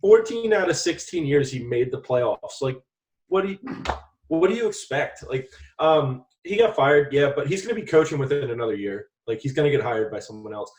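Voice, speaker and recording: A man's voice: medium pitch, expressive, normal speed, darkish tone, recorded from a distance. A young man co-hosting a sports podcast who argues his opinions in a casual, straightforward way. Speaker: podcast co-host.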